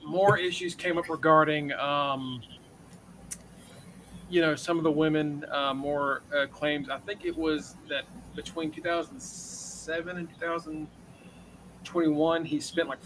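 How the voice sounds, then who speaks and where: Bright, higher-pitched man with halting delivery. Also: fairly even intonation, slight background noise, rough recording. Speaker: podcast producer and co-host. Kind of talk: casual news recap.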